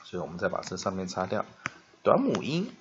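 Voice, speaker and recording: A man's voice: sits low, huge pitch swings, fairly quick, slight background noise. A man teaches English vocabulary at a whiteboard, explaining step by step, spelling words out and often drawing out a filler "ah". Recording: dull lo-fi recording.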